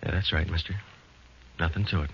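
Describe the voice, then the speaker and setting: An actor playing a steady male police detective, speaking in a clipped, flat, matter-of-fact way in a 1940s radio drama. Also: low-pitched, fairly quick, vocal fry, very noisy. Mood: weary, dry. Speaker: detective and narrator. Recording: dull old radio broadcast with music.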